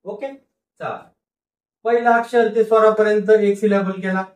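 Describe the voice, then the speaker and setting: At normal speed and in a steady tone, a man with a high voice teaches phonics, chunking words into syllables and repeating them. He asks the class questions, then answers them himself. The faraway mic captures a roomy echo.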